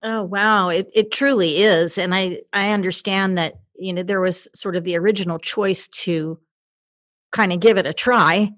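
A woman's voice: medium pitch, steady tone, normal speed, no echo. Dry-sounding female interviewer. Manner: attentive, gently probing.

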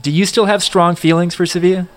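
An American man interviewing a footballer, asking prepared questions in a measured way. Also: sits high, fairly even intonation. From United States.

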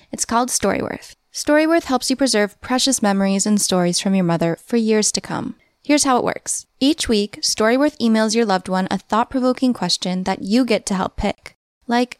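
Smooth-voiced woman reading a podcast ad. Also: mid-range voice, no echo, clean studio sound. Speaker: podcast host reading a sponsor ad. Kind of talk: scripted ad read.

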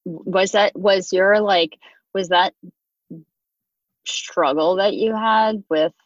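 Speaking slowly in a mid-range voice, a woman CEO is a chatty podcast guest in a casual interview, full of "like" fillers and quick to laugh. The recording is dry, echo-free and dull lo-fi.

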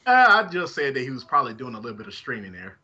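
A man's voice: medium pitch, very animated, rapid-fire, bright, forceful tone, muffled recording. A man from Alabama co-hosting a casual fan podcast, with crude, teasing banter. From Alabama, United States. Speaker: podcast co-host. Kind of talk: casual fan podcast chat, reading listener messages.

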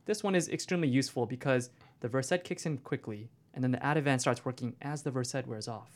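A man's voice: medium pitch, a little fast. A man co-hosting a medical podcast, explaining scripted educational material to peers in a corporate training video manner.

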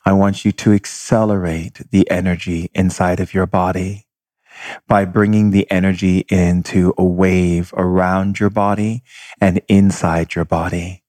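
Man, guided meditation voice, very low, dry close sound. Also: no echo. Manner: slow, calm instructions.

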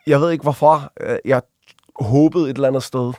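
An adult man, a guest in a casual interview, retells events with halting restarts and fillers. He vividly acts out other people's voices when quoting them, keeping the story lively. His middle-pitched voice is recorded dry and close, with no room sound.

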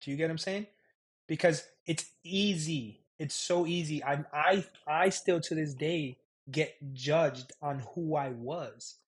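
A middle-aged man with a husky, slightly high voice talks candidly as a guest on a podcast. He is a chef and business owner who speaks frankly, with a sarcastic edge, often circling back on his own phrases. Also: measured pace. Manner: frank, sarcastic, repeats himself with laughs. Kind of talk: candid conversational interview.

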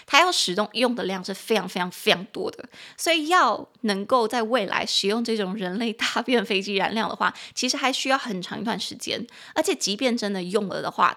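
A woman with a Taiwanese Mandarin accent hosting a casual podcast English lesson, chatty and quick to laugh. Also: gravelly, bright, forceful tone. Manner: chatty, laughs often, acts out quoted friends in a higher voice. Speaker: podcast host and English teacher.

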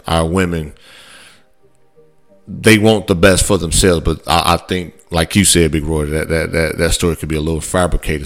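Male sports podcast host, very low voice, loose chatty delivery over faint background music. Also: creaky. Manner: loose and conversational, with many fillers and restarts. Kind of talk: casual sports talk.

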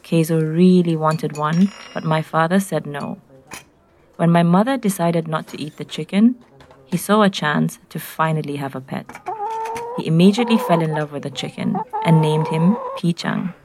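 Low-pitched Kenyan woman telling a story. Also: normal speed, noisy background. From Nairobi, Kenya. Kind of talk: scripted narration of a personal story for language learners.

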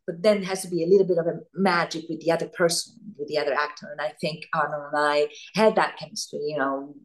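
A woman from Italy, an actress talking as an interview guest, thoughtful and animated, often searching for words. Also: low voice, fast. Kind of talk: casual interview chat.

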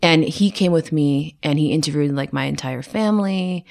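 In a casual interview, a tired woman production designer who grew up in the United States talks at normal speed in a low, gravelly, darkish voice, with many fillers, restarts and frequent laughs.

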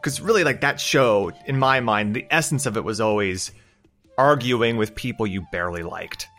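Bright, tense-toned man, excitable, laughing, stumbling into his points. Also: lowish voice, moderate pace, faint music behind. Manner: excitable, laughs often, stumbles over restarts. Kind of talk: casual chat.

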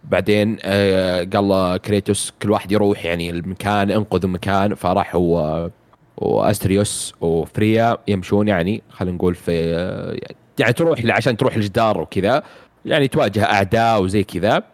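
A man's voice: deep voice, fast. A man recapping a video game plot in casual chat, rambling with many fillers and restarts.

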